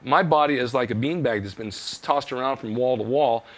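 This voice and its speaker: Fast-talking older male fitness host. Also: mid-range voice. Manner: folksy storytelling, motivational. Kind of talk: casual chat.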